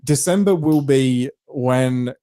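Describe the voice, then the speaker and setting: A man's voice: mid-range voice, slow, warm tone. A young man with an English accent co-hosting a live podcast, playful and teasing. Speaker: podcast co-host. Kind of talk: casual live-stream chat.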